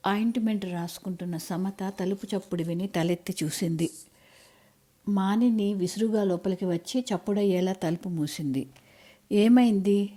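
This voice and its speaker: A woman narrating an audiobook story in a steady, measured way. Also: mid-range voice.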